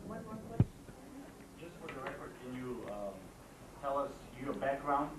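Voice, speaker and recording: Guy in the audience asking a question, halting, far from the mic in an echoey noisy hall. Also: medium pitch, sing-song. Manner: halting, searching for words.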